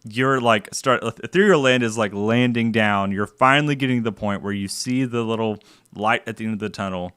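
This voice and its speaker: A man's voice: lowish voice, a little fast, a bit bright, clear, resonant tone, no room sound, studio quality. A man hosting a podcast who sums up the conversation for listeners, enthusiastic and reflective. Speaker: podcast host. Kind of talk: casual podcast interview.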